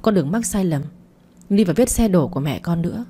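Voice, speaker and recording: A woman's voice: fairly low pitch, animated, brisk, warm tone, breathy edge. A woman voicing a grieving mother who speaks with choked earnestness. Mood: grave. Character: grieving mother, firm and tearful.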